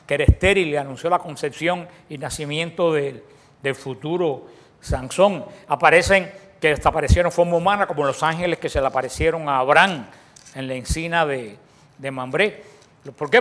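This preacher's voice is a little high. Throughout his sermon he questions his listeners and answers himself, restarting phrases often as his volume rises and falls.

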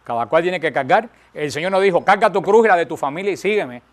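Guy preaching a sermon, kinda high voice, punches words then drops way down. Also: expressive, quick pace. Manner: emphatic, rising and falling, repeats phrases for stress.

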